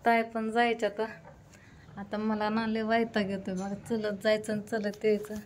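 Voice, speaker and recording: A woman's voice: medium pitch, little pitch movement, normal speed, slight background noise. Chatty mother telling her morning. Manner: chatty storytelling, quoting herself and her children. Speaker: vlogger and mother. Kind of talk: casual home vlog narration. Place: home.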